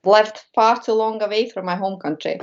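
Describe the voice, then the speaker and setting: Over a video call, a native Latvian speaker joins a casual interview as a guest medium and shamanic practitioner to talk about mediumship. She is hesitant, with many fillers and restarts, speaking at a moderate pace in a medium-pitched, steady voice, and the sound is lo-fi.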